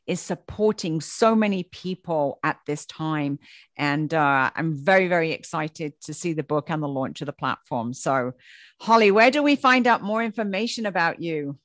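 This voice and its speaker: A woman's voice: sits low, dry recording, clean studio sound. A woman hosting a podcast interview, chatty and full of praise, with many fillers. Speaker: podcast host. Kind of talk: casual interview chat.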